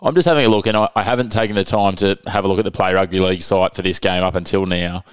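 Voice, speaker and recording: A man's voice: low voice, fairly even intonation, fast, clear, resonant tone, no room sound, clean studio sound. An Australian man co-hosting a casual sports chat, talking in a matey, wordy way. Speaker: rugby league podcast co-host.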